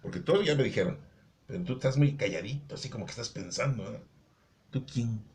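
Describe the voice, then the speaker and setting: A man doing Jesus, a calm, probing teacher. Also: mid-range voice, brisk, lightly acted. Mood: quiet questioning.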